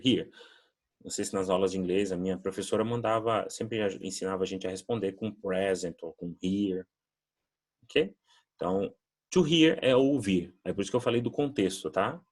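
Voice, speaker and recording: In a recorded classroom lesson, a Brazilian man teaches English, patiently explaining words and modelling pronunciation drills. His voice is low-pitched with a breathy edge.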